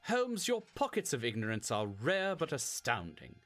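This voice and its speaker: Dry patient sidekick, very lively intonation, music faint behind. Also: female voice, extremely low pitch, normal speed. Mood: wry. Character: sensible, exasperated sidekick Watson.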